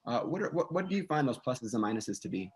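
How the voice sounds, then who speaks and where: A man hosts a casual podcast, introducing his guest and asking questions. He rambles a little, correcting himself and filling pauses with small sounds. His pitch is ordinary. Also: sing-song, slightly rough. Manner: rambling, many fillers and self-corrections. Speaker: podcast co-host.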